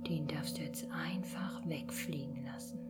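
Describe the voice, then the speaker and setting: Soft-whispering woman guiding a children's sleep meditation. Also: sits low. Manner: soft slow whispered guidance. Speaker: meditation podcast host. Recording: meditation music and singing bowls behind.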